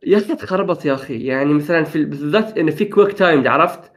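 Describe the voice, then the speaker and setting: A man's voice: a little high, very fast. A young man in casual gaming chat, upbeat and enthusiastic, slipping English phrases into his talk. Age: young adult.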